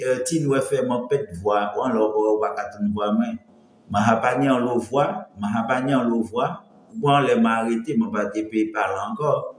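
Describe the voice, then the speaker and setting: A man hosts a casual live stream from an echoey room, speaking in a thin, mid-range voice that cracks when pushed. He rambles, greets viewers by name, and mixes in Creole.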